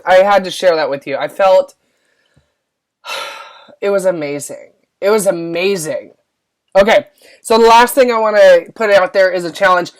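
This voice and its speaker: A young woman giving a chatty, emphatic pep talk to camera, full of fillers. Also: on the low side. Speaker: beauty sales team leader. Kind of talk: casual motivational talk to camera.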